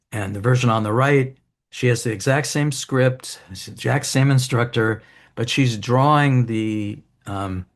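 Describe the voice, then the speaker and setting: A man giving an academic keynote lecture, explaining studies in a relaxed way with frequent ums and restarts. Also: lowish voice, creaky. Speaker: keynote speaker. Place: conference hall.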